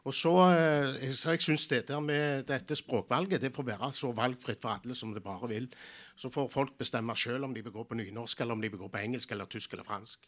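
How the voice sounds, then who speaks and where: A man makes a personal, hesitant case in a panel debate, with many fillers between his points. His voice sits at a middle pitch. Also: steady tone, a bit bright. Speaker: local politician.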